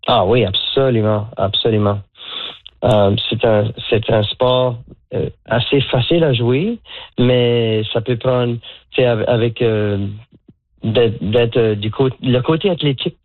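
A man in his sixties from Moncton, Canada, speaks a little slowly in a mid-range voice as a guest on a radio phone interview. He's a pickleball coach, and he sounds hesitant, with many fillers and restarts. The audio is a tinny, dry phone line.

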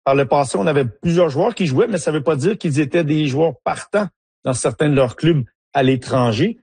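A Haitian former player now working as a soccer analyst answers interview questions, hesitating with lots of fillers and restarts. His voice is fairly high, a bit rough and darkish, at a normal speed, with no room sound.

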